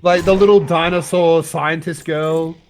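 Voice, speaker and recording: A man's voice: a little high, fairly even intonation, unhurried, slight background noise. A man chatting casually on a stream, rambling and swearing freely.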